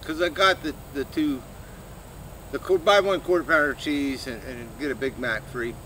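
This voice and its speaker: In a casual mukbang chat aimed at one person, a middle-aged vlogger speaks in a sharp-toned, mid-range voice while chewing his food, halting and rambling with trailing pauses. He sits in a shady, grassy backyard, recorded by a camera a few metres away amid insect sounds, distant vehicles, and outdoor noise.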